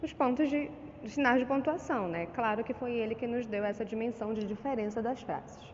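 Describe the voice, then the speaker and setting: A woman's voice: on the high side, a little fast, darkish tone. A Brazilian Portuguese-speaking woman teacher giving a recorded lesson to her pupils, patient and checking in often with short questions. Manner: patient, with frequent "tá?" and "né?" check-ins. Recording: dull lo-fi audio with long reverb and faint noise.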